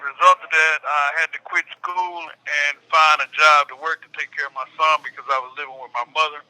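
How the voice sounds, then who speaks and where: A man calling from federal prison, heard over a prison phone line, answering interview questions in a calm, plain way. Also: fairly high pitch, a little fast. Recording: tinny prison phone call.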